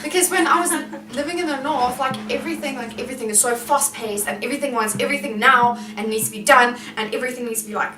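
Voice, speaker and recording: A young South African woman co-hosts a casual vlog, with a mid-range voice and quick, playful interjections. The sound is roomy and echoey, with the mic set back from her and music in the background. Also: sits high, far from the mic. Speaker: vlog co-host. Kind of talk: casual chat.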